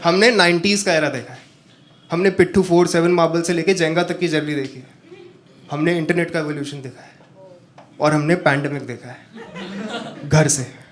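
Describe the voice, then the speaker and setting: High-voiced man doing stand-up. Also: moderate pace, pauses often. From northern India. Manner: animated storytelling, talks to the audience. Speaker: stand-up comedian. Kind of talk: stand-up comedy set. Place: comedy stage with a live audience.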